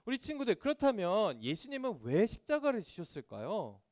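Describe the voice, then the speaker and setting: A man's voice: high voice, a little fast. A man giving a children's sermon, asking the kids questions and acting out voices. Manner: animated, asks children questions; acts out quoted voices. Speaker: children's ministry preacher.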